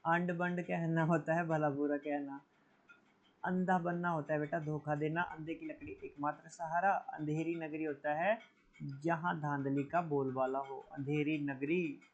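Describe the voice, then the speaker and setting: A man teaching an exam prep lesson, calling students "beta" and repeating each correction with a quick "theek hai". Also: fairly high pitch, level tone. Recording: dull lo-fi recording.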